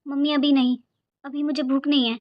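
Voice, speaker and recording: A woman voicing a weary, hurt young mother in a cartoon, speaking softly and resignedly. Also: high voice, flat delivery, a little fast, no echo, dull audio, close to an everyday voice. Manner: soft, subdued, resigned. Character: weary, hurt young mother staying at her parents' home.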